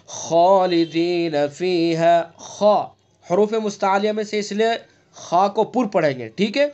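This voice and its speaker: A man teaching Quran recitation rules in an online class, slowly modeling words and checking that students follow. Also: sits high, a little mellow, highs cut off. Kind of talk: tajweed lesson with recited examples. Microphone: online class recording.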